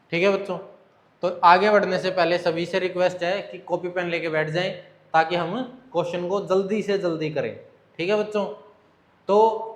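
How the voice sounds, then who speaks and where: A male maths teacher giving an online lesson with an Indian English accent, who keeps asking the children questions and answering them himself. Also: on the high side. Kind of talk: online class lecture. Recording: echoey room.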